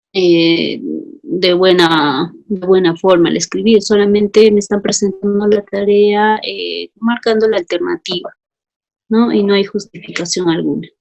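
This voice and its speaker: Woman teacher with a gravelly voice, reading out student answers and pressing for justifications. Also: mid-range voice, fairly even intonation, a little slow, a little mellow. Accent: Peruvian Spanish. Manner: calls students by name, asks for justifications.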